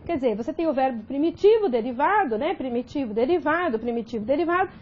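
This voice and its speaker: A woman's voice: high-pitched, lively intonation, fast, muffled recording. A Brazilian woman teaching a recorded grammar lesson, explaining step by step and often checking in with tag questions. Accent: Brazilian Portuguese.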